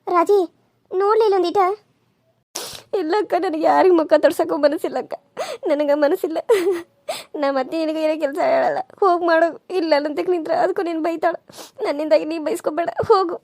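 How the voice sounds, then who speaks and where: A woman's voice: extremely high pitch, a little fast, darkish tone, no room sound, clean studio sound. A woman voicing a grieving young first wife in a cartoon serial. She speaks tearfully and bitterly.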